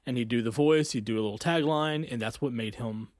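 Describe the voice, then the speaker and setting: A man's voice: medium pitch, a little fast, a little mellow, no echo. A man co-hosting a podcast in casual chat, rambling and circling back as he talks, recorded on a close mic. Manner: rambling, trails off and restarts. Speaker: podcast co-host.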